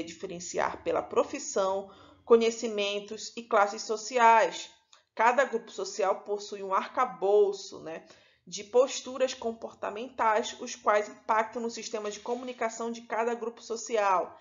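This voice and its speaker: Speaking with a Paraense Brazilian accent, this woman from Pará explains a recorded lesson, peppering it with "né" and fixing herself partway through phrases. The recording is lo-fi and her pitch is medium.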